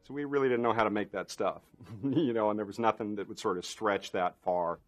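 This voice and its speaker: A special effects artist telling a behind-the-scenes anecdote in a documentary interview, rambling with many fillers and restarts. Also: male voice, fairly low pitch, fairly quick.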